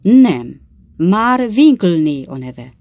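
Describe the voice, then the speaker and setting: A man reading an audiobook, voicing a bashful young gentleman pleading slowly and earnestly. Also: high-pitched, sing-song, dry recording, lo-fi sound.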